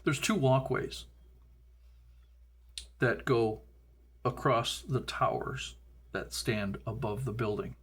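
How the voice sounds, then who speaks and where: A man's voice: medium pitch, slow, pauses often, a bit bright, breathy edge. A middle-aged man from Chicago hosting a casual building video, rambling and stumbling over words with folksy asides. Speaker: host.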